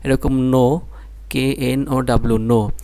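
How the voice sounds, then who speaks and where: Mellow and mid-range, with a steady tone and slow pace, this Bangladeshi Bengali-accented man leads a Quran reading lesson. He patiently spells things out, drilling each syllable in turn.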